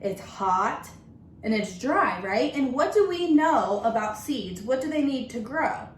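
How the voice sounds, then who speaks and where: Reading a picture book to young children at a measured pace, a teacher speaks with a slightly high voice and lively intonation, keeping things simple and instructive and posing questions to her audience. Faint background noise and room echo come through.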